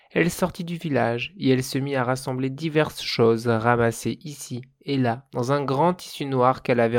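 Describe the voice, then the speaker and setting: A man reading a folk tale aloud in a calm, measured storybook narration. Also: medium pitch, no echo, studio quality.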